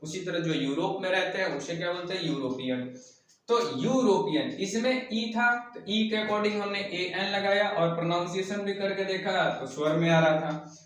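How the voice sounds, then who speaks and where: A man's voice: high voice, moderate pace, fairly bright tone, a little hiss or hum. A man teaching a grammar lesson, asking questions and answering them himself and spelling words out letter by letter. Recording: echoey room from far off.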